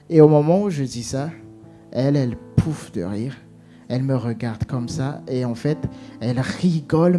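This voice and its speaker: A man giving an emotional personal testimony, halting with many restarts and fillers, acting out what was said. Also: fairly high pitch, dark tone.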